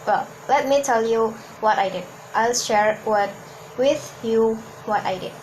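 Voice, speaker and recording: A woman from Hong Kong, a native Cantonese speaker, coaches viewers on speaking confidently in an instructional talk to camera. She's earnest, steady, and unhurried, often repeating and restarting words mid-phrase, her voice a little high. The audio is poor, with a faint hum of room noise behind her.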